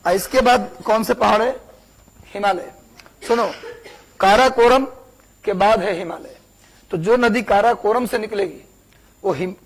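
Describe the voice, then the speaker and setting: A young man with a high voice teaches a class, repeating words for dictation and putting questions to his students. The classroom lecture is captured on a low-quality recording.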